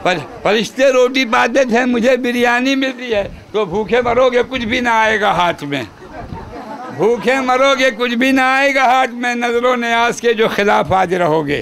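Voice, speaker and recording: A man's voice: very high voice, vocal fry, fairly bright tone. A man reciting devotional poetry at a shrine gathering, repeating each couplet and chatting with the audience between verses.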